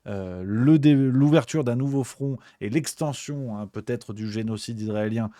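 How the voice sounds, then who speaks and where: Mellow-voiced casual male show host. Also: medium pitch, normal speed, no room sound, clean studio sound. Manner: chatty, loose, full of fillers. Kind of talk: casual news commentary.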